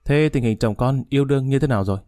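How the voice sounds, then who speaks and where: A gentle, resigned young defendant, voiced by a male storyteller. He talks softly and calmly even under pressure. The voice is warm, dark and dry. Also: mid-range voice, racing, no echo, natural voice.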